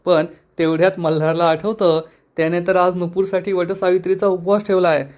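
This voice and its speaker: Man, serial recap narrator, steady, fairly high voice. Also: fairly quick, muffled recording. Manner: steady, storytelling.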